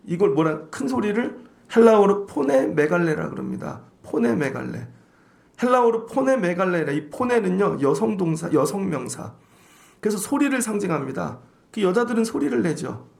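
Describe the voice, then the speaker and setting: Male pastor, high and gravelly, animated sermon delivery. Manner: animated preaching, acting out voices of others.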